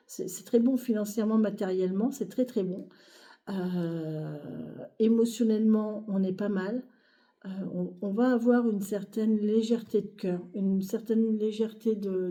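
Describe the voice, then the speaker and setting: Speaking to camera, a French woman gives her weekly tarot reading, reassuring her viewers while often hesitating with fillers and repeated phrases. Her voice is mid-range and warm.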